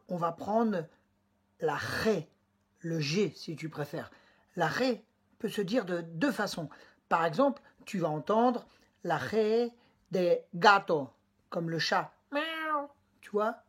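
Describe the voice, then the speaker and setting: Slow, husky woman teaching pronunciation. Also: lowish voice. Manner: patient and explanatory, speaking directly to the student; repeats sounds slowly for the student. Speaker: Spanish teacher. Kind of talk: pronunciation lesson.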